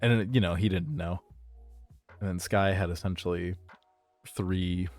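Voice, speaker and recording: A man hosting a casual podcast stream, telling a rambling story with jokes and hushed asides. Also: sits low, a little slow, soft background music. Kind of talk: casual chat with live chat.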